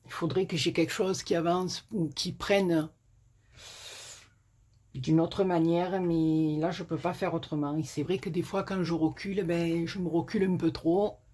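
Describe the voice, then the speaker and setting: Woman, southern France, slow, breathy, chatty tutorial, many fillers. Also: on the low side, fairly even intonation, warm tone. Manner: rambling, self-mocking, many fillers. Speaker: crafting channel host. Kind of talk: chatty card-making tutorial. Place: small home desk workspace. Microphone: camera on tripod.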